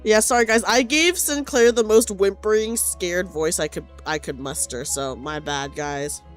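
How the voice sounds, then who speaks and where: In an unhurried, fairly low voice, this streamer mixes casual, expressive chatter and the occasional curse with theatrical readings of in-game dialogue. Soft background music runs underneath.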